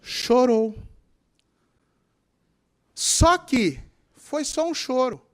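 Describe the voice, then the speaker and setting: A male pastor with a Mato Grosso Brazilian Portuguese accent preaching a sermon, questioning the congregation and acting out voices of people in tearful, high tones. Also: expressive, very slow.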